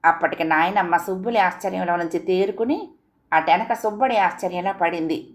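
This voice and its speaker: A woman narrating a short story in a lively, expressive reading voice. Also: lowish voice, brisk.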